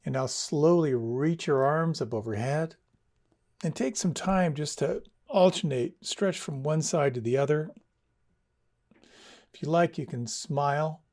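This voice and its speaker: Gravelly, mellow-voiced male meditation guide. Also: fairly high pitch. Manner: slow, soft, soothing instructions.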